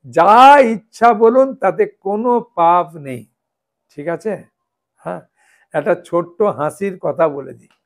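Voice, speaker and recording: A man's voice: high voice, lively intonation, a little slow, creaky. A man teaching a scripture class, explaining with stories and checking in with his listeners often. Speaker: Gita teacher.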